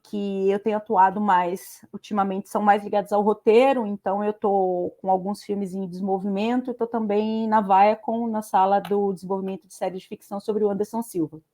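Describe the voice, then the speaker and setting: Mellow-voiced woman on a video call. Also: mid-range voice, fairly even intonation, moderate pace. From Bahia, Brazil. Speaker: film director on a panel. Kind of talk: casual panel introduction.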